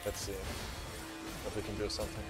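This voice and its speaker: A man streaming a game on a headset mic, reacting with excitable swearing and laughter. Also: on the low side, unhurried. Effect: livestream headset mic audio. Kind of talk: live gameplay commentary. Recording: streamed voice with game music behind. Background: game music.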